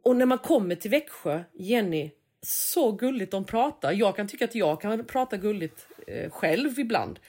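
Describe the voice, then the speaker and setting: A woman's voice: medium pitch, very animated, hardly any pauses, darkish tone, breathy edge. A woman with a Småland Swedish accent chatting casually and enthusiastically as a co-host, laughing easily. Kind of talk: casual chat.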